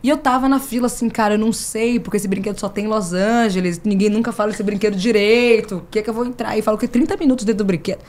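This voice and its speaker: A woman with a Brazilian accent, a podcast guest who tells stories in a lively way and acts out the dialogue with laughter. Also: mid-range voice, fast talker, hardly any pauses. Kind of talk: casual chat.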